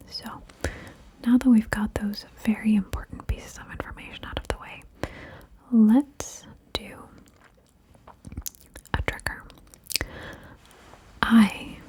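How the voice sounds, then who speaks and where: Woman, ASMR whisperer, slow and playful, close stereo mic, slightly high. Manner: whispered, playful, chatty, swears casually. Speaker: ASMR creator. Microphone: stereo mic, left and right ears.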